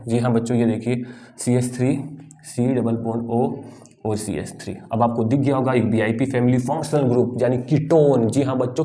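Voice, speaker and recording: A male teacher with a mellow, warm voice, pitched in the middle range. He explains patiently, one step at a time, and keeps turning to his students with questions that he then answers himself. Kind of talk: classroom lecture.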